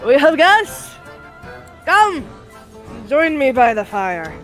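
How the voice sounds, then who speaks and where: A woman's voice: high voice, sing-song, slow, voice pushed up, full character voice. A woman voicing a welcoming, jolly, very old man in a tabletop fantasy game, with music behind. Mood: hearty, welcoming. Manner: put-on very old man voice, exclaiming.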